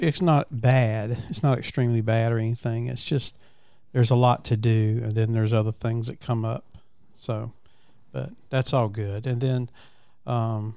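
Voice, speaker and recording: Casual male host on a farm, creaky low-key talker, dry sound, folksy and halting. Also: a little mellow, no echo. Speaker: podcast host. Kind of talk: casual chat. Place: at a family farm.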